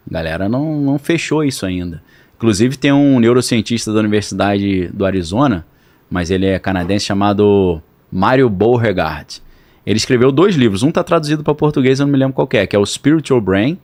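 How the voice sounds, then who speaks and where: A man with a Brazilian accent, a pastor guest on a podcast, explaining ideas casually with slang and everyday comparisons. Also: fairly low pitch. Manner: relaxed, explains with slang and analogies.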